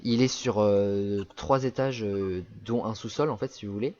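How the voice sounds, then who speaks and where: A man's voice: lowish voice, moderate pace, dark tone, muffled recording. A young French man rambling through a casual travel anecdote, full of fillers and restarts. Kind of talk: casual storytelling chat.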